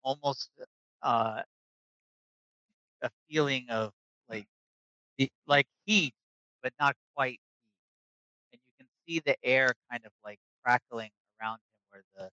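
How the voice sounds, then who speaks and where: A man acting as game master, narrating a tabletop game in an unhurried way, with fillers. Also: mid-range voice, bright, forceful tone, clean tone, no room sound. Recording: dull lo-fi recording.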